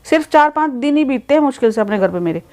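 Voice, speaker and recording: A woman's voice: sits high, lively intonation, fast talker, darkish tone. A middle-aged woman playing an upset mother who complains about her daughter in a family vlog skit.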